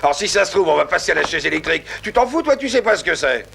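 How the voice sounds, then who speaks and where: A man dubbing a fretful prisoner into French, excitable and complaining, swearing often, with film music underneath. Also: a little high, rapid-fire, gravelly, slight background noise, exaggerated voice. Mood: panicky. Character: loud, fretful man jailed, protesting innocence.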